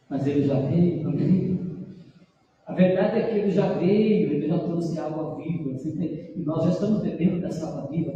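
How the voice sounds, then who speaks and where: A male pastor preaching a sermon in a church, retelling scripture earnestly with dramatic pauses. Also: fairly high pitch, mellow, lo-fi sound. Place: church sanctuary. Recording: echoey church hall, mic far off.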